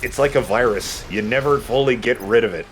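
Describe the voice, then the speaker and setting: In casual gaming commentary, a let's player speaks a little fast in a mid-range voice, keeping things informal and self-deprecating. A faint hiss or hum runs through the clip.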